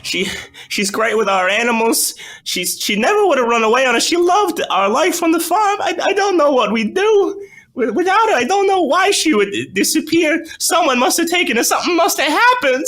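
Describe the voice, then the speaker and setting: A man's voice: very animated, normal speed, a bit bright, exaggerated voice. A man voicing a distressed older farm woman who pleads frantically through tears. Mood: pleading, frantic. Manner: high, frantic, breathless pleading.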